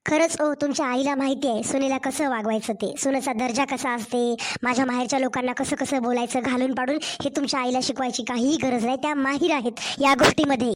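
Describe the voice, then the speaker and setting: A hoarse young wife, voiced by a woman for a cartoon story, pouring out complaints in a Marathwada Marathi accent. Her voice is high and steady. She pleads and protests. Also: fast, hardly any pauses, lightly acted. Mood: aggrieved. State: hoarse from a cold. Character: young wife and mother, aggrieved daughter-in-law.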